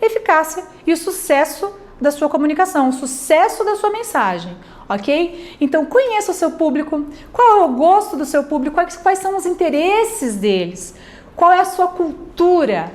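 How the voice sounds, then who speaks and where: Woman, Brazilian Portuguese accent, lecturer, high voice, swooping lively intonation, chatty teaching tone. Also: moderate pace. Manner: conversational teaching, frequent "né?" and "ok?" checks, animated acted examples. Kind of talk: recorded online class lecture.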